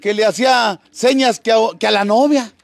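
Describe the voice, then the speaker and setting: A man's voice: very high-pitched, steady tone, moderate pace, gravelly, dry recording. A man with a Mexican accent chatting and teasing an elderly man, reading out greetings from viewers. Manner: jokey, reads out viewer greetings. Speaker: vlogger visiting an elderly man. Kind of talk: casual teasing chat.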